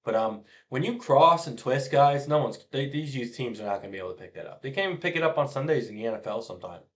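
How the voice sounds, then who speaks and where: A man's voice: medium pitch, lively intonation, quick pace. Middle aged guy coaching youth football, chill breakdown of plays, voice drops off at the ends. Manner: casual, conversational, trails off quietly at phrase ends. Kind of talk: explaining plays over a diagram.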